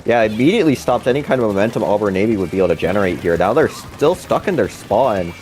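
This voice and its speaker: A man's voice: lowish voice, animated, quick pace, darkish tone, a little hiss or hum. A young man giving color commentary on a video game match, dry and teasing. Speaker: esports co-caster.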